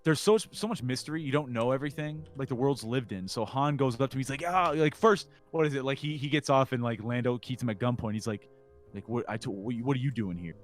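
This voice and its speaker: A man co-hosting a podcast goes over a film in loose, rambling conversation, his mid-range voice animated. Soft background music plays, and he acts out characters' lines in quick impressions.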